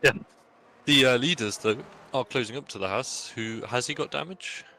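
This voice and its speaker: Bright-toned, giggly male co-commentator. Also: mid-range voice, moderate pace, a little hiss or hum. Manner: giggly, easygoing, bright delivery. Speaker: sim racing co-commentator. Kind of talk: casual race commentary.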